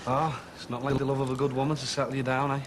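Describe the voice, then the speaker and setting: An actor playing a sly, pushy moneylender in a 1980s TV soap, on a hissy old broadcast. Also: male voice, mid-range voice, little pitch movement, close to an everyday voice. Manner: sly, quick insinuating talk. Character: shady male moneylender, smooth and pushy.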